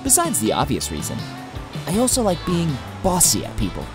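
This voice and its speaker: A woman's voice: deep voice, wildly swooping pitch, brisk. A woman voicing a cocky, bossy male dachshund lifeguard in a scripted comic voice-over. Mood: smug. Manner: bossy, self-satisfied. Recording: voice-over with loud music.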